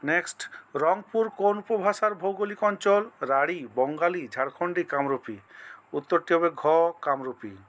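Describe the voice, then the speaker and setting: A man's voice: high voice, moderate pace, fairly bright tone. A male teacher running an exam-prep lesson, reading out multiple-choice questions, listing each option and then giving the answer.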